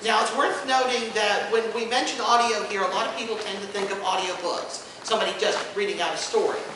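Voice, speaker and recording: Running a casual convention panel indoors, this podcast co-host talks a little fast in a high-pitched, steady voice. His explanations carry dry humor. The recording is echoey, with a distant mic and background noise.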